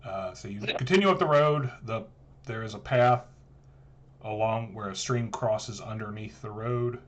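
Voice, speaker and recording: A man's voice: lowish voice, unhurried, slight background noise. A man running a tabletop role-playing game as game master, narrating scenes to players over voice chat.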